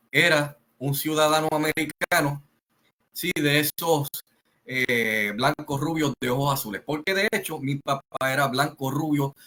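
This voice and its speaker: A man with a Puerto Rican Spanish accent telling a family story in a slow, rambling way, full of fillers and restarts. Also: fairly high pitch, bright, forceful tone, poor audio. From Puerto Rico. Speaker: channel host. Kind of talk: casual storytelling monologue.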